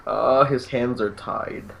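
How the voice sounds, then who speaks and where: A man's voice: mid-range voice, fairly even intonation, slow pace, gravelly, a little hiss or hum. A man casually chatting about a TV episode with friends, laughing often and trailing off mid-thought. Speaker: podcast co-host. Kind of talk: casual TV recap chat.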